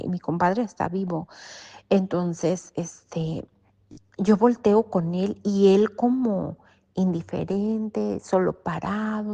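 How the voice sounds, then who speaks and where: A woman's voice: fairly low pitch, creaky, mellow. A woman, telling a personal story as an interview guest, hesitant and searching for words, on slightly muffled audio.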